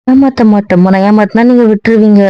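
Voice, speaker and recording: A woman's voice: mid-range voice, fast, clean tone, dry recording. Pleading young woman, dull lo-fi audio. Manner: pleading, coaxing, repeats herself. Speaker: wife in a couple skit. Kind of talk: comic couple skit.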